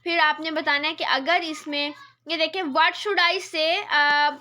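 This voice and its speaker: A woman's voice: high voice, fairly even intonation, slow, bright, forceful tone. A woman teacher, explaining a poem step by step in an online lesson and checking often that her student follows.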